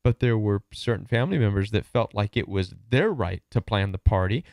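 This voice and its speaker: A man's voice: lowish voice, a little fast, darkish tone, no echo, clean studio sound. A man hosting a call-in advice show, talking earnestly with frequent restarts and asides. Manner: earnest, repeats words, asks "you know what I mean?". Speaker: host and coach.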